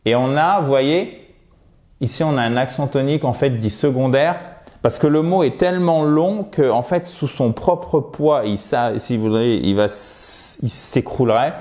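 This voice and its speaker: A man's voice: mid-range voice, a little slow, a little mellow. A French man teaching English pronunciation in a video lesson, with a French accent. He drills words patiently and has learners repeat after him.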